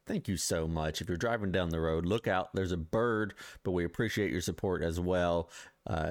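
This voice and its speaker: Congested, nasal man with a deep voice. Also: no room sound, clean studio sound. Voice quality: congested, nasal as if pinching the nose. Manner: self-deprecating, stumbles over words. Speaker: podcast host. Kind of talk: casual live podcast chat.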